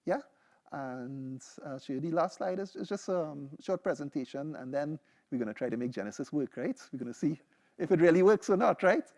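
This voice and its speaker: Brisk and lively in intonation, with a slightly high, darkish voice, a young Trinidadian-accented man presents a seminar as a PhD candidate, complete with a live demo. He stays casual and conversational, regularly checking in with "right?" and "you know".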